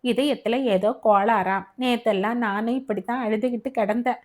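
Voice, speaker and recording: A woman's voice: a little high, steady tone, normal speed, close to an everyday voice. A woman voicing a frank, plain-spoken working-class wife who chats bluntly about her husband in a hospital ward, in an audio novel. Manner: frank, rough, chatty.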